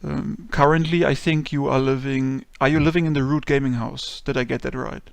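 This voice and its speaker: Gravelly-voiced man interviewing casually. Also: mid-range voice, steady tone, fairly quick, no room sound. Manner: friendly, hesitant questions with many ums.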